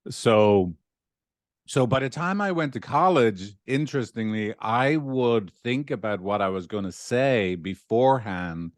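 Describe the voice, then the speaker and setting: A man's voice: lowish voice, expressive, unhurried, no room sound, clean studio sound. A middle-aged man with a Dublin Irish accent, telling personal stories in a rambling, conversational interview manner, often checking in with "right?". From Dublin, Ireland. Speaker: podcast guest, relationship therapist. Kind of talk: casual interview, personal storytelling.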